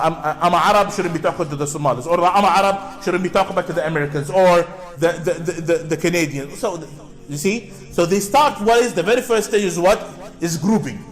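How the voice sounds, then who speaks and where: A man with a high voice lectures an audience, keeps asking questions and answering them himself, and calls for replies from the crowd. He often repeats words and restarts sentences. Soft music plays faintly underneath. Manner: repetitive, with frequent restarts; draws responses from the audience. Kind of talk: public talk to an audience.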